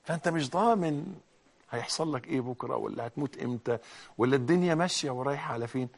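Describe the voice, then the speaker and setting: A middle-aged Egyptian man preaching a sermon, pleading with his listeners, swinging from emphatic outbursts to low, earnest appeals. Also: fast, vocal fry. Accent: Egyptian Arabic.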